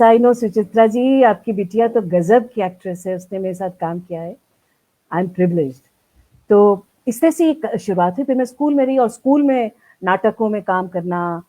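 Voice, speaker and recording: Older woman telling stories, mellow voice. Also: mid-range voice, rough recording. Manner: animated, acts out quoted lines. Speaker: guest theatre artist. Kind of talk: storytelling in a live-streamed interview.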